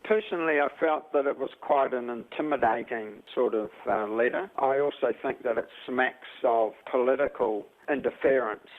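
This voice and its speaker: A man who works as an emergency housing provider, speaking in a news clip with his voice altered to hide who he is, earnest and hesitant with many uhs. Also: medium pitch. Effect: voice altered to hide identity. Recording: thin phone-like sound.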